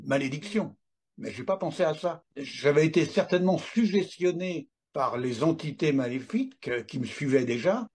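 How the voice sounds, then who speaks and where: A man's voice: mid-range voice, a little mellow, breathy edge. A man in his seventies, a guest telling his own story in casual talk, acting out remembered dialogue as he goes. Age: 70s. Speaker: interview guest.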